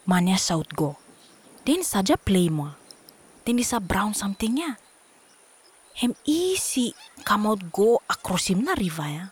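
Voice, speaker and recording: A woman's voice: medium pitch, big pitch swings, unhurried, long pauses, slightly rough. A woman with a Solomon Islands accent narrating a storybook expressively in Solomon Islands Pidgin.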